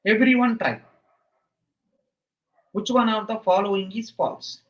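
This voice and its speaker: A man's voice: high voice, fairly even intonation, a little slow, highs cut off. A man with a South Indian accent teaching a live online exam class, emphatically repeating his phrases over and over.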